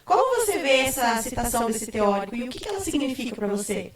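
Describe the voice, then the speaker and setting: A woman's voice: a little high, very animated, quick pace. A woman moderating a panel talk, asking questions and reading out a quote. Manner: asks questions, reads out quotes. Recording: very echoey room, far from mic.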